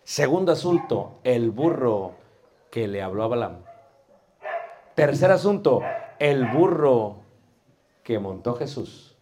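A man teaching a class on preaching, quizzing students and sometimes lowering his voice for emphasis. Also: slow pace, pauses often, slight background noise. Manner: animated, asks the class questions, drops to a soft voice for effect. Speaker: homiletics teacher.

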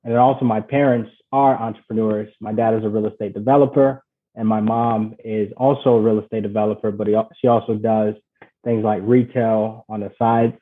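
A man's voice: lowish voice, flat delivery, brisk. A man from Ghana, a guest on an interview show, telling his life story in an earnest, reflective way. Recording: tinny phone-like line.

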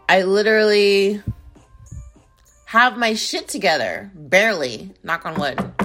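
A woman in her twenties hosting her own podcast in casual, playful chat that swings between loud bursts and low mumbles. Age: 20s. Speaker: podcast host. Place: home in Arizona. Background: music beat playing.

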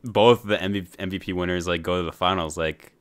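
A man's voice: low-pitched, steady tone, quick pace, background noise. A young man chatting casually about sports on a podcast.

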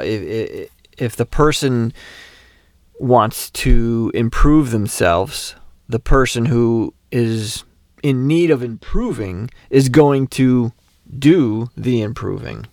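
A man co-hosts a casual podcast at a mid pitch, speaking slowly and haltingly. He is recorded dry, close to the mic. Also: dry recording. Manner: halting, with fillers and restarts. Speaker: podcast co-host. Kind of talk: casual chat.

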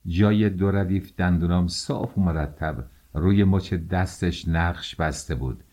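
A man reading a novel aloud as an audiobook, telling the story in a measured first-person voice. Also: low voice, darkish tone. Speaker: audiobook narrator.

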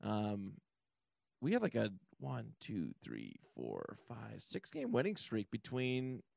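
A man's voice: lowish voice, huge pitch swings, takes it slowly, vocal fry, darkish tone, dry recording. A man co-hosting a podcast, chatting casually about football, rambling with lots of fillers and restarts. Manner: rambling, hesitant, many fillers. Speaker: podcast co-host. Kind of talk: casual sports chat.

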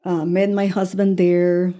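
A woman's voice: on the low side, level tone, measured pace, mellow. A woman, talking earnestly as an interview guest, with many fillers. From Puerto Rico. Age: 60s. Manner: earnest, with frequent fillers and light laughs. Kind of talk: conversational interview.

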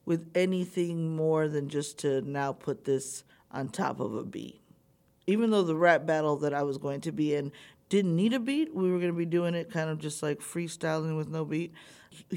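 A woman telling a candid personal story, talking openly and with plenty of swearing, acting out the things people said. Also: darkish tone. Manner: candid, profane, acts out quotes with big pitch jumps.

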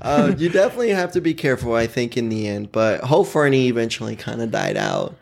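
A young man with a gravelly, creaky edge to his mid-pitched voice tells frank stories from his own life. He talks casually, laughs a lot and curses without a second thought. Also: sing-song, quick pace, darkish tone. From Oklahoma, USA. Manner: candid, laughs often, swears freely. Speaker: podcast guest. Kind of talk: casual personal storytelling.

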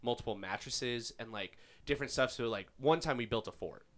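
A man in his twenties co-hosting a casual chat at home, animated and profane, full of "like" fillers, into a big microphone. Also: mid-range voice, brisk. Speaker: podcast co-host. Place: home bedroom. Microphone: large studio-style microphone.

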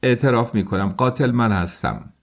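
Man doing a young male laborer, firm halting confession, audiobook. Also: medium pitch, vocal fry. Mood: resolute. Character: young thin male worker, confessing with resolve.

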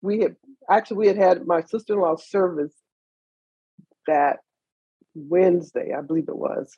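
A woman's voice: lowish voice, normal speed, husky, no echo, muffled recording. A woman, the mother of a basketball player, earnestly telling a story in an interview. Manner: earnest, reflective, animated retelling.

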